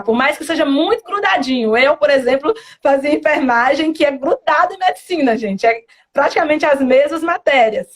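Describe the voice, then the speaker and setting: A young woman with a Bahian accent, speaking in an earnest, heartfelt way in a casual interview about becoming a doctor, often quoting her mother. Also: sits high. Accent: Bahian Portuguese. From Brazil. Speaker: interviewed medical student.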